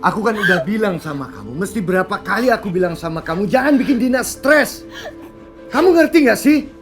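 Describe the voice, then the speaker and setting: A man's voice: high voice, lively intonation, fast talker, music in the background. An actor playing a hot-tempered young husband who scolds his wife angrily. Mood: scolding. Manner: scolding, angry. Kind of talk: TV soap acting.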